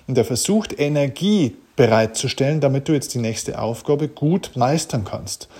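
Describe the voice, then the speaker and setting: With a warm, mid-range voice and a breathy edge, this man delivers an earnest motivational talk. He speaks directly to the listener, taking questions and answering them personally.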